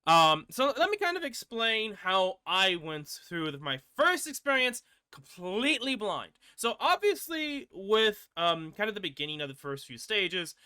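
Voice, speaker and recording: Guy rambling about a video game, swears a bit, really bright voice, dry close mic. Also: high-pitched, very animated, measured pace, hardly any pauses, clear, resonant tone, dry recording. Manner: rambling, restarts often, swears casually. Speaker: gaming channel host. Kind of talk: casual gameplay commentary.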